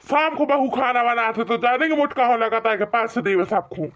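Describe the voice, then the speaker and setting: A woman's voice: fairly high pitch, moderate pace, fairly bright tone, highs cut off, lightly acted. A woman voicing a stubborn, teasing old village father-in-law in a cartoon comedy, bickering with his wife. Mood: complaining. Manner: mocking and bickering, later pleading.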